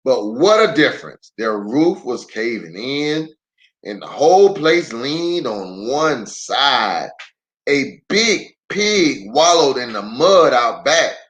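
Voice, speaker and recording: Slow and medium-pitched, a middle-aged pastor reads aloud from a children's storybook over a rough recording. He talks to the little ones directly, playful and expressive, with chatty side comments.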